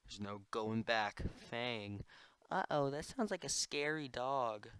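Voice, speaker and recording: A man's voice: mid-range voice, slow, clear, resonant tone, no room sound, poor audio. Goofy young man commenting on gameplay. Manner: goofy, excitable, prone to sudden yelling. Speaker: gamer.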